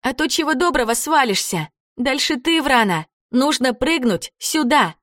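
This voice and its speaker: A woman voicing a small, gentle sea ghost girl who speaks in a soothing, coaxing way. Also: sits high, lively intonation, normal speed, no room sound, clean studio sound, voice pushed up. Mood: urging.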